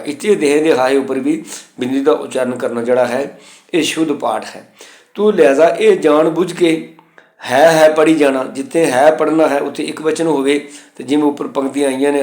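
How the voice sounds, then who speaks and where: A man teaching correct pronunciation of scripture, reciting verses slowly and then explaining the grammar point by point. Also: on the high side, darkish tone, roomy sound.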